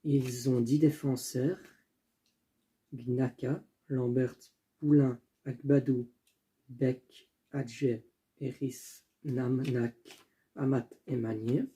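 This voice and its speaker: A young man presenting a casual football video on his own speaks extremely slowly in a warm, mid-range voice with little pitch movement. He thinks aloud, often halting to correct himself, and apologizes when he stumbles over names.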